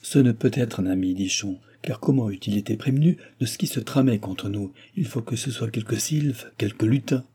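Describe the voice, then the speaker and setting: A man reading aloud who voices an excitable young noblewoman with urgent, shrill exclamations. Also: moderate pace, few pauses, husky. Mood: brisk.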